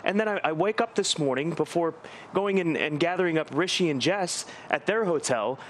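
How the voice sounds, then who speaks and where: Joking male host, slightly high voice. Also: normal speed, fairly bright tone, a little hiss or hum. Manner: joking, self-deprecating storyteller. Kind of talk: live broadcast chat.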